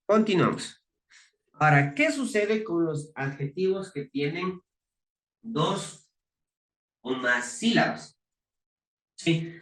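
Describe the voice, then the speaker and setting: Male English teacher, slow and careful, spells out the rules and reads the example words deliberately. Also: on the high side, a bit bright. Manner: patient, explains step by step, asks "¿no?" and "¿ya?" for confirmation; reads English words slowly and clearly, then gives the Spanish meaning. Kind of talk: recorded grammar lesson.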